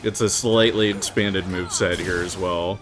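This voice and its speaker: A man's voice: low-pitched, fairly even intonation, normal speed. A man giving casual, jokey commentary while playing a video game, laughing often, with game music behind. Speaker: game streamer. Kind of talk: casual let's-play commentary.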